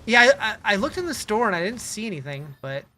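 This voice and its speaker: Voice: mid-range voice, very animated, fast talker, bright, forceful tone, a little hiss or hum. A game streamer chatting casually and answering viewers' questions in a conversational way. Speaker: livestreamer. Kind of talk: casual live-stream chat while gaming.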